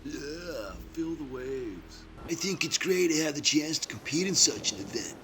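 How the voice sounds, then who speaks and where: An earnest blind jet ski racer, played by a man, talking halting and hopeful. His mid-pitched voice comes through a lot of noise. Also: lively intonation, fairly bright tone.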